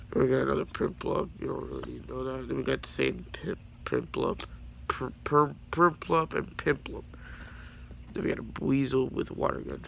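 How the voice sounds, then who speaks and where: A teenage boy, sick for a few days, speaks in a raspy, deeply gravelly voice while casually and apologetically rambling through his card collection. He trips over the card names as he goes. His home recording is low quality, with a faint hiss beneath it.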